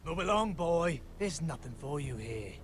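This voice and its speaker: A sneering, menacing soldier. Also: male voice, a little high, very animated, moderate pace, a bit bright, a little hiss or hum. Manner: threatening, sneering, swears. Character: menacing male soldier enforcing a lord. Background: game music.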